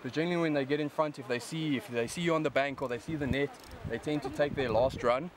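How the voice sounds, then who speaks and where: A man's voice: mid-range voice, steady tone, fast talker, a crowd in the background. Young man, broad South African accent. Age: young adult. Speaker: angler presenting a fishing video. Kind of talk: casual instructional commentary while fishing. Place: outdoors on a river bank. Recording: outdoor camera sound with background noise.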